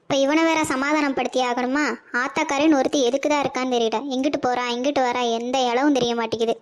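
A woman's voice: sits high, steady tone, fast talker, natural voice. A woman voicing a bossy old grandmother in a cartoon, nagging. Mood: fretting. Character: scolding old village grandmother. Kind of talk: cartoon voice acting.

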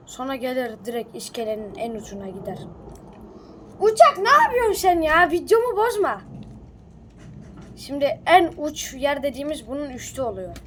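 A woman chatting excitably through a game for her viewers, a little sick and hoarse. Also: high voice. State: sick, coughing. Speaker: gaming video creator. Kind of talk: casual gameplay commentary.

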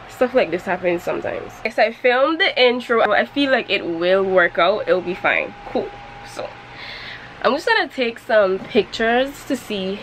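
A young woman vlogging casually from her car, with a low, nasal morning voice and a chatty, candid manner. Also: a little hiss or hum. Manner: chatty, candid, laughs easily. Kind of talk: casual vlog chat.

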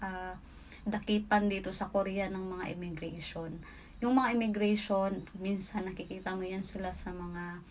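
Chatty young Filipina vlogger. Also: female voice, medium pitch, slight background noise. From Philippines. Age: young adult. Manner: chatty, animated hand gestures, often addresses viewers directly. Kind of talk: casual storytelling vlog. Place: small indoor room by a window. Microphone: camera in front at desk distance.

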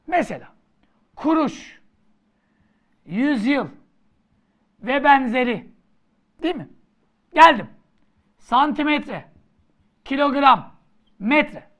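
A woman teacher running an exam-prep grammar lesson in a theatrical style. She talks slowly and deliberately, her high voice swinging widely, and breaks into playful scolding and sudden shouts. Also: expressive.

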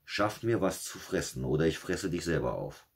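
A man reading a fairy tale aloud, voicing a greedy, bullying male wolf with a gruff, demanding manner. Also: extremely low pitch, very animated, normal speed, voice pushed up, exaggerated voice.

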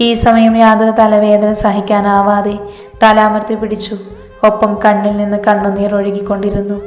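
A woman narrating a scripted story in a steady, even reading, in an echoey hall with faint music. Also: medium pitch, normal speed.

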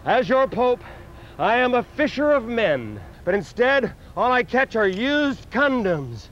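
A man putting on a slow, solemn old Pope. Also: extremely high pitch, big pitch swings, fairly bright tone, a little hiss or hum, heavily acted. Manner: slow, drawn-out delivery. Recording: dull lo-fi outdoor video.

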